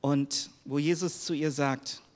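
A man's voice: fairly high pitch, fairly even intonation, measured pace. A middle-aged man preaching a sermon in earnest, personal tones, asking the congregation questions in a church hall. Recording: long hall reverb.

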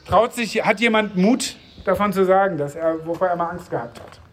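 A man's voice: high-pitched, moderate pace. A man reading a Bible passage and then preaching in a conversational way, putting questions to his audience.

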